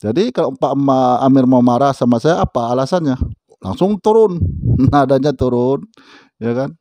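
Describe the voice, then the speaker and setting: A man recounts a personal experience in a relaxed, conversational way and often pauses for quick asides to his listener. His voice is mellow and dark, with a middle pitch. The recording is dry, with no room sound. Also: no room sound. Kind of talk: casual spoken storytelling.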